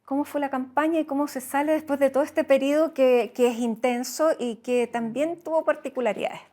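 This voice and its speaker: A Chilean woman TV interviewer asks long, carefully framed questions that push for answers. Her voice sits fairly high. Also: steady tone, brisk, darkish tone.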